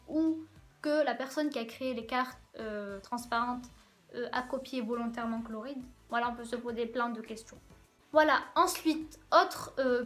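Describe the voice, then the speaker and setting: High-voiced hesitant woman vlogger. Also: fairly bright tone. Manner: hesitant, filled with frequent "euh" pauses; repeats words for emphasis. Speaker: anime reviewer. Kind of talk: casual vlog commentary.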